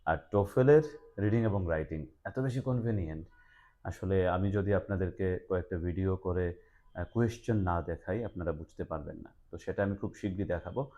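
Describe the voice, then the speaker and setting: A man with a Bangladeshi Bengali accent hosts a promotional interview for a language institute as its TOEFL instructor. His voice sits fairly low, with a dark, mellow tone. He moves easily between Bengali and English and fills gaps with "ah". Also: fairly quick, lo-fi sound. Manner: talks in a relaxed mix of Bengali and English, with frequent "ah" fillers.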